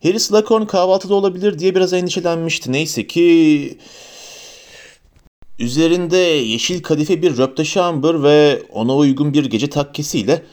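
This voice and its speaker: A man with a somewhat high voice reads a fantasy novel aloud as an audiobook narrator. His storytelling is steady and even, and it carries the narration from scene to scene. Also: normal speed.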